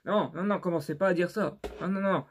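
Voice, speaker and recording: A man's voice: high voice, slight background noise. A young man with a non-native French accent, chatting casually in a vlog and stumbling through lots of fillers and restarts. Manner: halting and unsure, many fillers and restarts. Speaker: YouTuber showing his CD collection.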